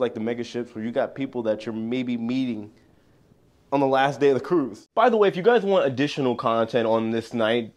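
Male cruise vlogger in his thirties, candid and casual, phone-at-arm's-length sound. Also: mid-range voice. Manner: chatty, candid, addresses viewers directly. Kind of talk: casual vlog narration. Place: cruise ship corridors and venues, indoors. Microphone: phone camera held at arm's length.

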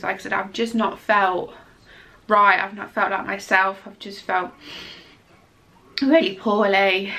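A young woman chats through a pregnancy update, exhausted and close to tears. Her voice is bright and edged, with a gravelly fry underneath. She rambles and restarts, filling gaps with ums. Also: medium pitch. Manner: rambling, emotional, frequent ums and self-restarts. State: exhausted and tearful. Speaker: vlogger. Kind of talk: casual pregnancy update vlog.

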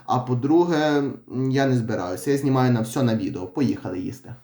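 A man's voice: mid-range voice, animated, fairly quick, warm tone. A young man, chatting casually as a vlogger while reading viewer comments, rambling and wry. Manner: chatty, rambling, wry about his own channel.

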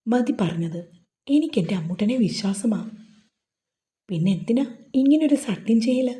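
A woman's voice: fairly high pitch, lively intonation, normal speed, dark tone, lightly acted. A woman voicing a sulky young husband who turns playfully teasing in a romance novel reading. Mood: tender teasing.

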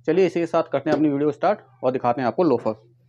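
Talking very fast in a dark tone, a man who vlogs and sells shoes casually pitches to camera, addressing viewers as friends and relying on repeated verbal tics. The muffled lapel-mic recording, made indoors in a tiled home room with stock boxes, has noticeable background noise and clicks.

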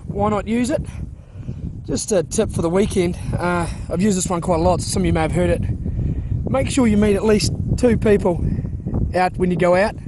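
High-voiced young man vlogging outdoors. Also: background noise. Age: young adult. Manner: deadpan joking, playful. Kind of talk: casual walking vlog. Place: outdoors on a hill walk in a park. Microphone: phone at arm's length.

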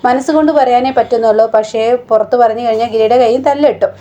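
A woman's voice: fairly high pitch, fairly even intonation, warm tone, highs cut off. A woman casually narrating a recap of a TV serial, chatty and full of fillers. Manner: rapid retelling with frequent tag fillers. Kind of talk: casual spoken plot recap.

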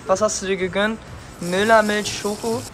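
A man's voice: sits high, fairly even intonation, normal speed, over music. A young man filming himself on a phone, talking straight to his viewers in a hyped, slangy vlog style as he walks through the city and the gym. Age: young adult. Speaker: vlogger. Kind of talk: casual vlog narration. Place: city streets, hotel and gym, in and out of doors. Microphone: phone camera at arm's length.

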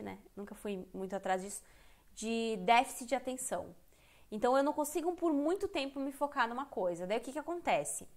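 A Brazilian woman teaching English in a live online lesson, speaking candidly and chattily, often breaking off and restarting her sentences. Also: mid-range voice. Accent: Brazilian Portuguese. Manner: candid, chatty, self-interrupting. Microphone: computer mic on a live stream.

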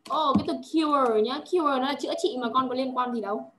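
A woman's voice: high-pitched, fairly quick, a bit bright, a little hiss or hum. A woman tutoring one-on-one, patiently drilling words and checking understanding often. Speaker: English tutor. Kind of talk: one-on-one language lesson.

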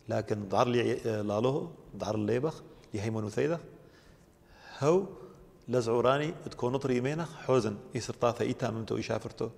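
A man's voice: medium pitch, creaky, a little mellow, in a large hall. A man, a priest, explaining religious teaching at length on a TV program. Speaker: priest guest.

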